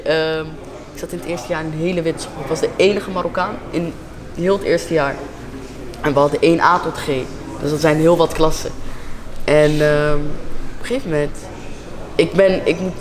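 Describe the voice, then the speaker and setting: A man's voice: fairly high pitch, steady tone, moderate pace, a crowd in the background. A young man, casually telling a personal story as an interviewee in a large indoor hall. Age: young adult.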